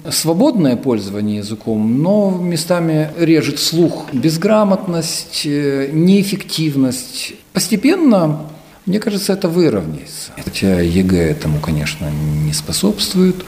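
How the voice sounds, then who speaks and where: A middle-aged academic man explains at length in a measured, lecturing manner, pausing on fillers. His voice moves a lot in pitch. The tone is dark and mellow. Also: sing-song. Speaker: head of a university Russian language department. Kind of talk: interview answers.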